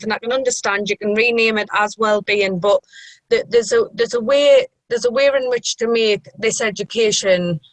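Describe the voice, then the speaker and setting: A woman's voice: medium pitch, no room sound, low-quality recording. A young woman with a strong Sunderland Mackem accent, talking earnestly and at length in a casual interview. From Sunderland, England. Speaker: sociology group member being interviewed.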